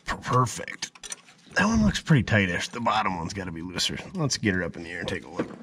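Fast and with big pitch swings, a deep, slightly bright male voice, carrying a little hiss or hum, talks through fixing his car in a garage. This mechanic and channel host keeps it casual, joking at his own expense and muttering to himself while working.

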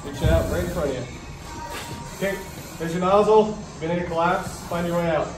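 A man, a fire training instructor, calmly giving short commands to a trainee. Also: on the high side, a little fast. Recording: distant, echoey, with loud music.

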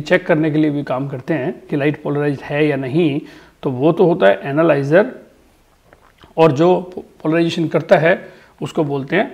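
A man's voice: on the high side, a little mellow, lo-fi sound. A man teaching a physics lesson, explaining step by step, repeating key terms and answering his own questions. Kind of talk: classroom lecture.

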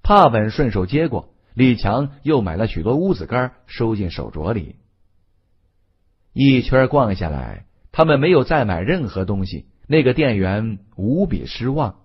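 Expressive husky male audiobook narrator. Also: mid-range voice, a little slow, lo-fi sound. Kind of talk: scripted narration.

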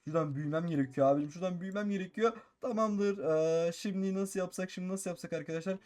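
Excitable fast-talking young gaming man. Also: sits high. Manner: excitable, repeats phrases, addresses viewers constantly. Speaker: gaming YouTuber. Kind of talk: Minecraft role-play commentary.

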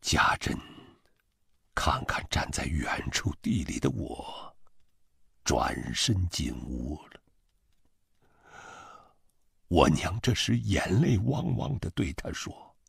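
A man reading a novel aloud as a first-person narrator, slow and expressive. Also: very deep voice, creaky, slightly rough, dry recording, studio quality. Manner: slow, expressive, wide-ranging storytelling. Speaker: audiobook reader.

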